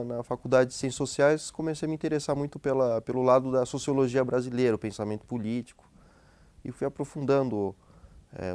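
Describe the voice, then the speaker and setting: A man speaking as a guest sociologist and professor, explaining in a relaxed conversational way, tagging his sentences with questions and often restarting them. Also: mid-range voice, smooth, dry recording. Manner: frequent tag questions and hesitant restarts.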